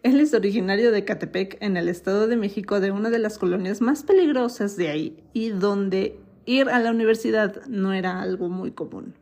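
Woman, Mexican accent, husky, mid pitch, casual podcast commentary. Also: normal speed, hardly any pauses, darkish tone. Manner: chatty, opinionated, laughs at herself. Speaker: podcast host.

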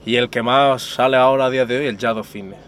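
A man's voice: medium pitch, fast. Young guy from spain, laid-back slangy chat, car noise and traffic behind. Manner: relaxed street slang, says "hermano" and "primo" constantly. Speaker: interview guest.

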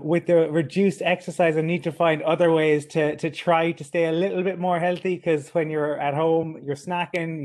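A man with a Cork accent and a slightly high voice. He chats informally as a panellist. His delivery is halting and hesitant. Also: a little mellow. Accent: Cork Irish. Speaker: show panellist. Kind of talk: casual chat.

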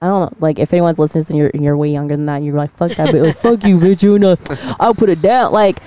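A woman in her twenties hosts a podcast, chatting casually and swearing freely as she retells stories. Her voice is deep and mellow, with fairly even intonation and a fast pace. There is slight background noise.

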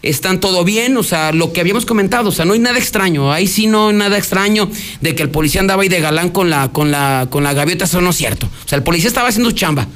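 High-voiced Mexican man recounting the news. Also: animated, rapid-fire, fairly bright tone. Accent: Mexican Spanish. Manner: rambling, frequent restarts, acts out quotes. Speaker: news radio host. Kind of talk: conversational news commentary.

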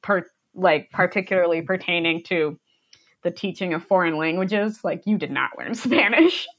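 A woman's voice: on the low side, moderate pace, a bit bright. A young American woman from the United States, a podcast guest chatting casually, rambling with many fillers and frequent laughter. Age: young adult.

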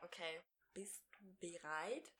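A woman's voice: lowish voice, takes it slowly, a bit bright. A young woman co-hosting a casual chat, bubbly, laughing often and asking puzzled questions. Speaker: podcast co-host.

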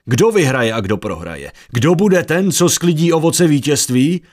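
A man voicing a young, greedy, slick squire who works crowds like a showman. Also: sing-song. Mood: barking. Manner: loud barker-style pitching.

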